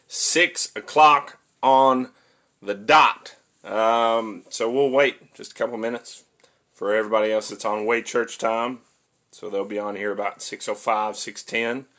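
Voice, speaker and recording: A man's voice: mid-range voice, a bit bright. A male pastor giving a casual online sermon, talking conversationally with lots of fillers and restarts, encouraging toward his listeners.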